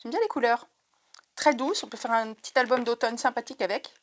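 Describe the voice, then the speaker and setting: A woman's voice: a little high, a little fast, a little hiss or hum. A woman on a crafting vlog, overexcited and talking through a headset, gushing and repeating her words as she chats to viewers. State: overexcited, heart pounding. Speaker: crafting vlogger. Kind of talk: excited unboxing chat.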